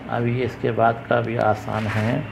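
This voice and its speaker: A man teaching the Urdu alphabet, sounding out each letter patiently and repeating it loudly. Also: medium pitch, little pitch movement, takes it slowly, creaky. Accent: Indian Urdu. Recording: dull lo-fi recording with faint background hiss.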